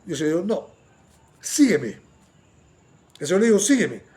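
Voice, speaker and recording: A man teaching a Bible study sermon, animated and often asking his listeners to agree, acting out quoted lines in a raised voice. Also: sits high, normal speed.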